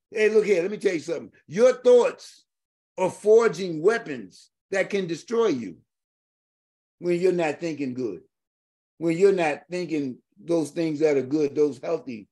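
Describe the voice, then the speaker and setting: A middle-aged male pastor delivers a fervent sermon, his voice pitched high for a man. He repeats phrases for emphasis and calls out to his listeners as he preaches. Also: warm tone.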